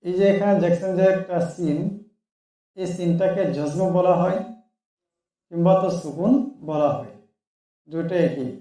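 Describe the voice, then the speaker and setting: Man, reading teacher, slow drawn-out delivery, syllables repeated for practice, very echoey room. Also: fairly high pitch, warm tone, far from the mic. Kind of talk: slow step-by-step lesson.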